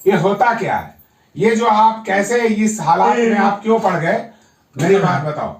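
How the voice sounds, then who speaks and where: A man with a high, lively voice speaks at an unhurried pace as a yoga therapist, firmly coaxing a patient at home and repeating his encouragement over and over. The recording has an echoey room sound, with the mic placed at a distance.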